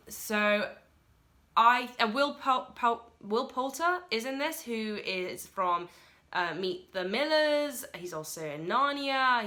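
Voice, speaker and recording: A woman giving a casual solo film review in a rushed, chatty way, full of fillers like "like" and "uh". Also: medium pitch, sharp tone.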